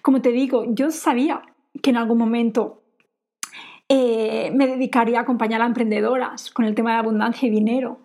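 A woman's voice: fairly high pitch, darkish tone. A woman hosting a podcast as a coach for women entrepreneurs, talking in an earnest, encouraging way and repeating phrases for emphasis. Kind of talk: motivational podcast monologue.

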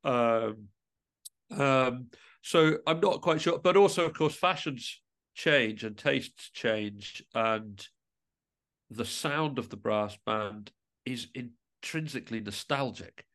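A musician and composer gives a thoughtful, conversational interview in a fairly bright, middling-pitched voice. He speaks reflectively, often pausing mid-thought and rephrasing as he works out what he means.

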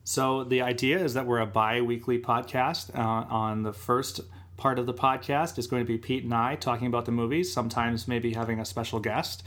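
A man's voice: medium pitch, steady tone, normal speed, a bit bright. A man co-hosting a movie podcast, eagerly explaining the show format in casual chat. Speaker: podcast co-host.

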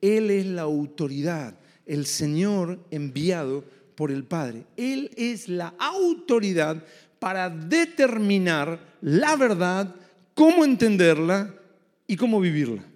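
A man's voice: sits high, darkish tone, in a large hall. A male pastor preaching a sermon in an emphatic way, repeating key phrases.

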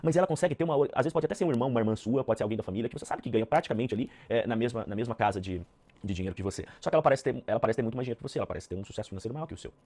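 A man teaching a live online sales class, energetic, repeating key points and checking in with his students. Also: medium pitch, racing. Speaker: sales trainer. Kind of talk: live online training talk.

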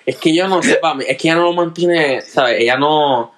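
A man's voice: on the high side, moderate pace, noisy background. A teenage man, co-hosting a podcast, rambling and swearing freely. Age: teens. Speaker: podcast co-host. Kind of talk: casual chat.

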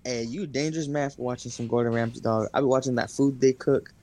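Fast-talking, joking young man. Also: medium pitch, steady tone, dark tone. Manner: quick, joking, profane banter. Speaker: podcast co-host. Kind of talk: casual chat.

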